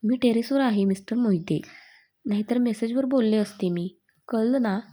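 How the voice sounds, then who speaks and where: A woman's voice: on the high side, normal speed, warm tone, lightly acted. A woman voicing a loving, playful young bride-to-be with a coaxing manner. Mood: tender.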